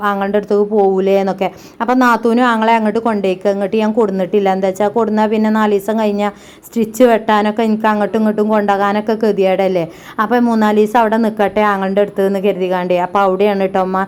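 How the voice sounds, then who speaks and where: A woman's voice: medium pitch, a little mellow, clean tone. A woman, chatting to her viewers in a casual family vlog as she narrates her housework. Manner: chatty, talks straight to viewers. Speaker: family vlogger.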